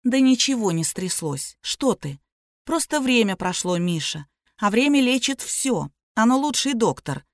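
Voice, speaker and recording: A woman reading a sly, capricious young woman who talks sleepy and tender or sharp and snappish. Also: fairly high pitch, very animated, measured pace, dry recording, clean studio sound. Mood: soothing.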